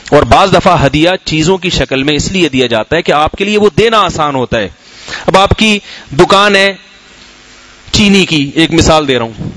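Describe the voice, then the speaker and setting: This is a sermon and Q&A talk by a middle-aged Islamic scholar from Pakistan, who speaks conversationally, shares anecdotes, and questions the audience. His voice is on the high side and slightly bright. The recording is rough, with no echo.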